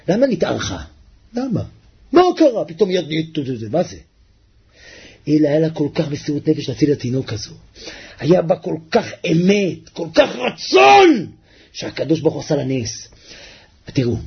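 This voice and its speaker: Gravelly preacher wailing and chanting a sermon. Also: male voice, on the high side, dull audio. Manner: swings from hushed murmurs to wailing shouts, chants verses.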